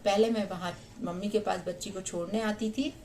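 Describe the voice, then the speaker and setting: A woman's voice: medium pitch, steady tone, moderate pace, darkish tone, slight background noise. A woman in her thirties from India, talking straight to her viewers in an indignant, emphatic monologue full of rhetorical tag questions. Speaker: vlogger. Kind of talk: personal vlog monologue.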